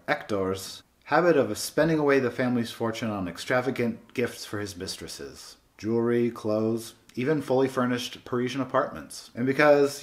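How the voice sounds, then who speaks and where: Wry male book vlogger. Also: mid-range voice. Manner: wry, sardonic delivery. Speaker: booktube host. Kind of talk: scripted video monologue.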